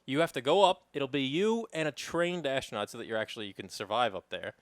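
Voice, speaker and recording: A man's voice: medium pitch, expressive, fast talker, no echo. A man with a New York accent co-hosting a podcast, teasing his friend with hypothetical questions in casual banter. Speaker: podcast co-host.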